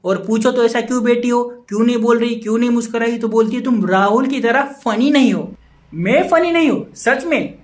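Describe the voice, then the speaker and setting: A man's voice: extremely high pitch, brisk. Ranting young boyfriend, played by a man. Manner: ranting, badgering with repeated questions. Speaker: comedy sketch performer playing a jilted boyfriend. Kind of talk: Hindi comedy sketch dialogue.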